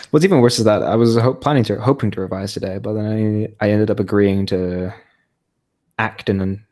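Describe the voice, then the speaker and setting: A young man co-hosts a podcast in a fairly low, darkish voice, keeping a moderate pace but pausing often. The chat is casual and meandering, full of self-mocking laughter.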